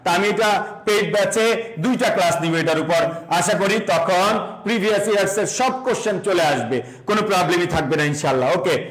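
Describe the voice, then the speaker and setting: A young male teacher with a Bangladeshi Bengali accent runs a live online lesson and pitches his voice high. He drills the class in call and response, asking each question and giving the answer himself, and drops English words into his speech. The sound is echoey, as if recorded in a bare room. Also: normal speed, fairly bright tone. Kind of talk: live online admission-prep lecture.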